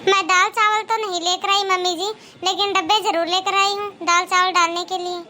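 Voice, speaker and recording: A woman's voice: extremely high pitch, flat delivery, a little fast. A woman voicing a meek young daughter-in-law in a cartoon, speaking politely and pleadingly. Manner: polite, pleading, soft-spoken. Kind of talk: cartoon moral-story dialogue.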